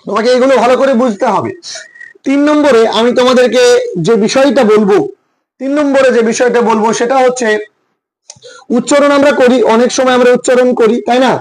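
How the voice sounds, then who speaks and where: High-voiced Bengali man tutoring English. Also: steady tone, a little fast, rough recording. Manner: repeats rules and quizzes students with questions. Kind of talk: classroom lecture.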